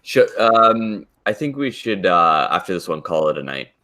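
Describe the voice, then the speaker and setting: A tipsy man with a low voice, rambling and halting as he searches for words. He talks casually in a group chat. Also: big pitch swings, sharp tone.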